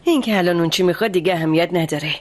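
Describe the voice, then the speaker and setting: A woman's voice: on the low side, close to an everyday voice. A woman dubbing a stern matriarch who defends her son in a television drama. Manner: stern, unyielding.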